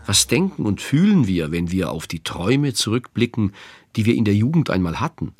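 A man's voice: fairly low pitch, big pitch swings, slightly rough. A man in his fifties giving a reflective scripted radio narration as host. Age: 50s. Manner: reflective, measured.

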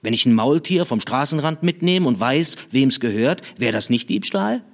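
A man reading aloud, voicing a restless, teasing young boy with a raised, quick voice. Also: lively intonation, gravelly. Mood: teasing, probing. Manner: quick, raised boyish pitch. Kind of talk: audiobook reading.

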